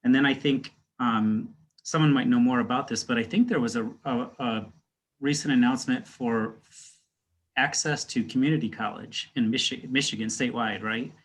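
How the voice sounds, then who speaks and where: A man's voice: medium pitch, moderate pace. A man moderating student presentations in an online class, encouraging and hesitant, with many fillers. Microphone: video call.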